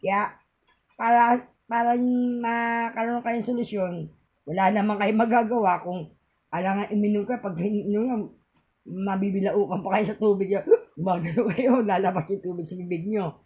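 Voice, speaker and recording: A woman's voice: mid-range voice, moderate pace, darkish tone. A middle-aged woman with a Filipino accent, giving a home tip in a casual, rambling vlog and laughing often. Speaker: vlogger.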